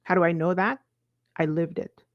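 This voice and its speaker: A woman's voice: lowish voice, fairly even intonation, normal speed, no room sound, highs cut off. A woman in her forties with a Virgin Islands accent, giving an emphatic, conversational motivational talk to viewers, often checking in with short questions. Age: 40s. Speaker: self-help coach.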